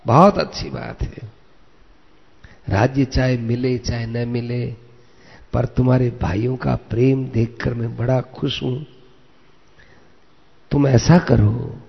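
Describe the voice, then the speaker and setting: A man voicing a proud ascetic who turns out to be the king of gods, loud and commanding at first, kindly later. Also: medium pitch, gravelly, slightly rough, full character voice. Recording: echoey, dull lo-fi recording.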